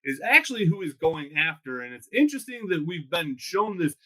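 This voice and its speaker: A man's voice: fairly high pitch, sing-song, a little fast, bright, forceful tone, poor audio. A man co-hosting a podcast in casual chat, leaning on fillers like "you know what I mean.".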